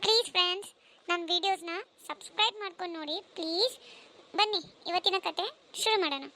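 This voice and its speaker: A woman's voice: very high voice, fast talker, a little hiss or hum. A woman hosting a cartoon story channel, opening with a friendly appeal to viewers. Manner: warm pleading appeal to viewers. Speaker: channel host. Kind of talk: friendly video intro.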